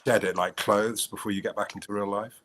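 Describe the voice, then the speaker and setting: A man's voice: lowish voice, fairly even intonation, a little fast, a bit bright, slight background noise. A man working as an interviewer, putting questions in a casual, conversational way.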